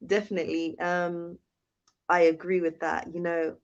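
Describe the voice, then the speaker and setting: A woman's voice: on the low side, flat delivery, a little slow. A young woman hosting a casual live-stream Q&A, chatting, reading viewer comments aloud and thanking them often. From United Kingdom. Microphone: phone held in hand. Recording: dull lo-fi live-stream audio.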